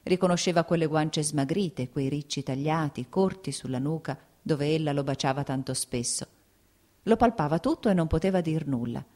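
Low-voiced woman narrating a novel. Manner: measured, expressive storytelling. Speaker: audiobook narrator.

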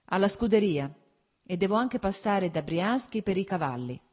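A brisk young officer, curt and impatient with a friend who drags things out, as a woman narrator puts him on. The voice is somewhat raised and a little husky. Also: mid-range voice, lively intonation, a little mellow, pitched above the performer's own voice, close to an everyday voice.

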